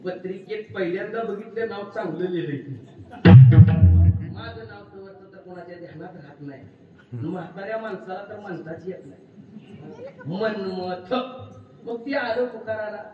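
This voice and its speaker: A man with a rural Marathi accent delivers a kirtan sermon in a high, carrying voice, mixing joking anecdotes with sudden loud cries. He is heard from a distance in a big reverberant hall, with a dull, noisy sound and crowd ambience behind him. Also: measured pace, long pauses. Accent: Marathi rural Maharashtra. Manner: humorous storytelling with sudden loud exclamations. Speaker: kirtan preacher. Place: large pavilion at a kirtan gathering. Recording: far-off echoey hall mic, slightly dull, noisy.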